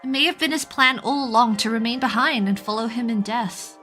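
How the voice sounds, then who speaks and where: Excitable girl streamer doing a lets play, bright high voice, reads lines dramatically, music behind. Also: brisk. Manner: excitable, theatrical. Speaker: game streamer. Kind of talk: let's play commentary, reading dialogue aloud. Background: video game music.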